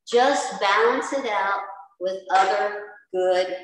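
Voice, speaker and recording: A woman's voice: medium pitch, slow pace, far from the mic. Older woman teaching in an echoey room. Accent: American. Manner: chatty, emphatic, repeats for stress. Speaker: cooking instructor. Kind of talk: community TV health talk. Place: indoor community center room with posters. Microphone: far camera, no visible mic. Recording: roomy echo, voice off-mic.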